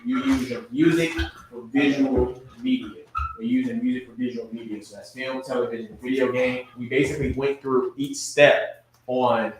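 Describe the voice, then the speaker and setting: A man hosting a workshop, explaining steps in a loose, slangy, casual way. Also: mid-range voice. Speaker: workshop host. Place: indoor room, echoey. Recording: roomy echo, faint background noise.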